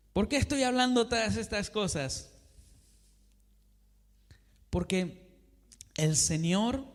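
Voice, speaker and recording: High-voiced preacher in an echoing church. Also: male voice. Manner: asks the congregation questions and answers them himself; acts out dialogues between a believer and God. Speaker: pastor. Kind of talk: sermon. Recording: long reverb of a church hall.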